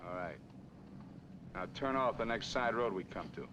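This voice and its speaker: An actor plays a cold-blooded American gunman holding drivers captive in a 1950s crime film, barking curt orders in tough, slangy grammar. His voice is expressive and lightly acted at a moderate pace, cold and menacing. The old film soundtrack is muffled, with noisy car rumble.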